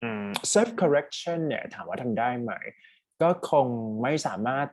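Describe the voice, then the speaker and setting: Thai male speaking tutor on a call, husky and lively, chatty. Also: a little high, unhurried, no room sound. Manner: chatty, mixes English terms into his talk. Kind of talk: casual one-on-one coaching.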